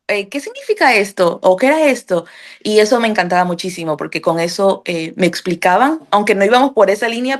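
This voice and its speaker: Chatty woman with frequent fillers. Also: medium pitch. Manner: frequent "eh" fillers and "¿verdad?" tags; acts out remembered dialogue. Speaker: interviewee sharing a testimonial. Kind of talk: casual conversational testimony.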